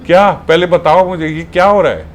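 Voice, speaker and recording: A man voicing an indignant young maidservant who scolds with sharp, accusing questions. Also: medium pitch, unhurried, close to an everyday voice. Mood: angry.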